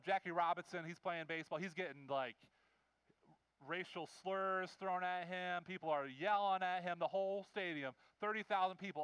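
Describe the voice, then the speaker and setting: A man's voice: fairly high pitch, fairly bright tone, clean tone, no room sound, poor audio. A man preaching a sermon in an earnest, conversational way, often restarting his phrases. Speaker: pastor.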